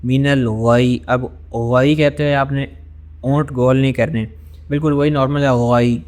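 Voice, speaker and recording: A man with a Pakistani accent giving an online Quran lesson. He explains the rules of recitation step by step and slows down to recite verses. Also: medium pitch, fairly even intonation, darkish tone. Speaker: Quran teacher.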